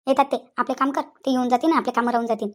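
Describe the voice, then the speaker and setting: Woman as a fussy, whiny cartoon village aunt, high and rapid. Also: steady tone, lightly acted. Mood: bossy. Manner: fast, wailing, whiny complaining. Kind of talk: cartoon comedy voice acting.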